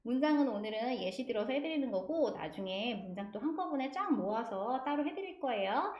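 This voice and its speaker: A woman teaching English to beginners in a friendly, patient way, spelling out words slowly and having listeners repeat after her. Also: a little high, lively intonation, echoey room, muffled recording. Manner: patient, spells words letter by letter and drills repetition.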